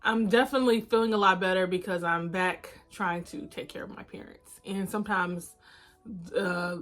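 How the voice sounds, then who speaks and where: A vlogger in her thirties talks candidly and casually to her viewers, calling them y'all, in a confessional chat filmed on a phone camera. Her medium-pitched voice is fairly even and fairly bright at a normal speed, with soft background music.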